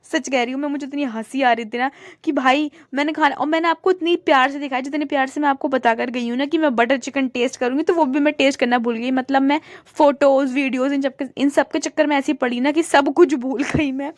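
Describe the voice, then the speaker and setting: A young woman with a high voice narrates her vlog in a chatty, casual way, walking viewers through everything in front of her. The sound is close and dry. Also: steady tone, brisk, hardly any pauses, no echo. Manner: chatty, showing things to viewers. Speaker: vlogger.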